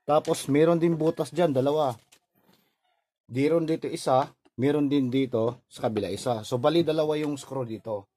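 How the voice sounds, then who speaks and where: Over a noisy recording full of clicks, a warm, slightly high male voice at normal speed talks through a casual repair tutorial. He has a Filipino accent and gives instructions in brief, step-by-step phrases.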